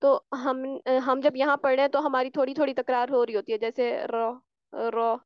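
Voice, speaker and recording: A woman with a high, smooth, clear voice teaches a recitation lesson over an online class. She demonstrates each sound by repeating it and keeps checking that her students follow. The audio is dry and a little dull, like a call mic. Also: level tone, a little fast, no room sound. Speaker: tajweed teacher.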